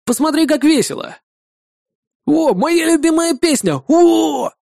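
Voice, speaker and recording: A man voicing an exuberant, rowdy male bartender in a storybook, loud and over the top. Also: very high-pitched, big pitch swings, normal speed, dry recording, studio quality, voice pushed up, heavily acted.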